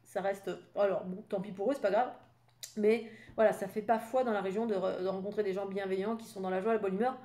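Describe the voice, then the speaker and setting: A mellow, mid-range voice with fairly even intonation and a fairly quick pace comes from a French woman in her fifties. As a spiritual coach, she chats casually in a loose monologue, rambling with many fillers and asides.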